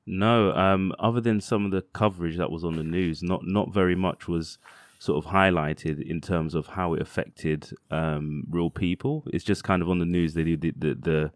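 A co-host with an extremely low voice speaks in a casual interview. He hesitates and restarts his sentences, and the sound is dry with no room echo. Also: steady tone, moderate pace. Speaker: podcast co-host.

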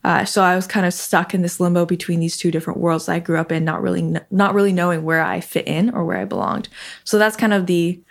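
A young woman from the Seattle area in the United States speaks reflectively as an interview guest in casual conversation, often saying um and laughing softly. Her voice is fairly low and creaky with fairly even intonation, and she talks fast.

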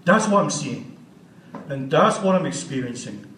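A man's voice: a little high, big pitch swings, normal speed, fairly bright tone, slight background noise. Earnest sixty-year-old man in an echoey hall. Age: 60s. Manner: earnest, unscripted, asks the audience questions. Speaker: guest speaker. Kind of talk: church teaching talk. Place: church hall. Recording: roomy hall audio from a distance.

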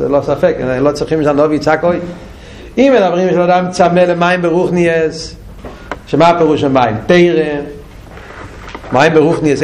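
A man teaching a Torah class, asking questions and repeating phrases, moving between a raised, urgent delivery and a low, quiet one.

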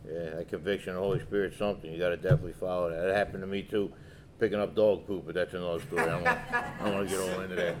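A man leading a relaxed church discussion and reading scripture aloud. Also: sits low, rapid-fire, a little hiss or hum.

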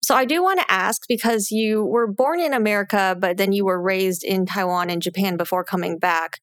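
A woman's voice: mid-range voice, moderate pace, fairly bright tone, no room sound, clean studio sound. A woman hosting a podcast interview, talking in a chatty way with many "like" fillers. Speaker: podcast host. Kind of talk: casual interview chat.

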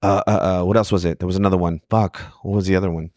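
A man's voice: sits low, fast, no room sound, studio quality. A man, a stand-up comedian, telling road stories in a casual podcast chat, acting out quotes and swearing freely. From Sacramento area. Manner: animated storyteller, acts out quotes, swears freely. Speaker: comedian guest.

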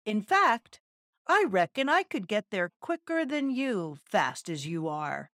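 A woman voicing an unhurried old male tortoise who answers the hare with quiet confidence. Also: mid-range voice, big pitch swings, no echo, clean studio sound, heavily acted. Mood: calm.

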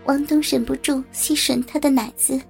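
A woman reading a story aloud as narrator, in a steady, even storytelling manner. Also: high-pitched, moderate pace, creaky, faint music behind.

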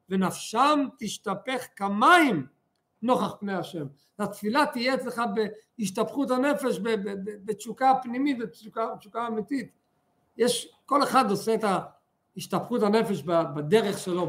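Male Torah teacher, higher voice, animated and fervent, leans hard on key words. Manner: animated, fervent, drawn-out emphasis. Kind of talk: religious lesson with storytelling.

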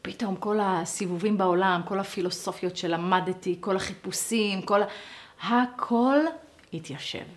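Animated woman teaching a lesson. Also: mid-range voice. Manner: animated, acts out quoted dialogue; conversational, speaks straight to listeners.

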